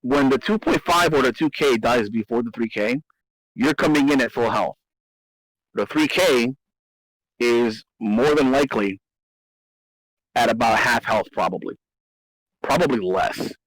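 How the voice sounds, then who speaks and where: A man's voice: mid-range voice, unhurried, pauses often, no room sound, poor audio. A man in casual talk, explaining game strategy and often restarting and repeating his phrases for emphasis. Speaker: host. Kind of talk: casual gaming strategy discussion.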